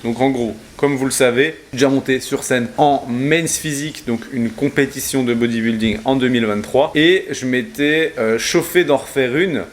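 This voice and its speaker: A young Belgian fitness coach talks casually to the camera in a vlog, explaining as he goes. His mid-range voice moves at normal speed with few pauses, though he hesitates, says "euh" often, and corrects himself.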